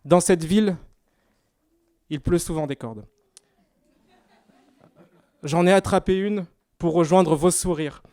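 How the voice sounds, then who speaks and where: A slam poet from Paris, France, with a Parisian French accent, performs rhymed spoken word with rhythmic delivery at a live exhibition opening. His voice is on the high side and warm, slow with frequent pauses, in a dry, studio-quality recording.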